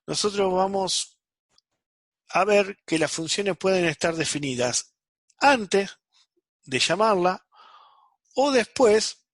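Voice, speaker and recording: A man teaches a programming class online, stopping after nearly every phrase to check that students follow with a frequent "¿sí?" or "¿está?". His voice sits high and is fairly bright, with no echo.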